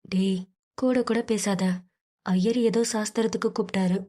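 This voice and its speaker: A woman's voice: mid-range voice, fairly even intonation, unhurried, warm tone, close to an everyday voice. A woman voicing a worried middle-aged mother who scolds her grown son and frets over his life. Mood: scolding. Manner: scolding, fretful.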